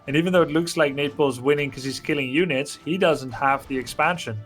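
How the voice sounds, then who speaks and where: A man giving animated live color commentary on a strategy game, with quick questions and laughing asides. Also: fairly high pitch, soft background music. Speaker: esports caster.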